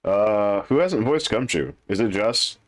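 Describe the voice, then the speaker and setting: A man's voice: on the low side, measured pace, soft background music. A man streaming, reading a game's lines aloud and joking with his co-players. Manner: relaxed, joking between read lines. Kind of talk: casual voice acting stream.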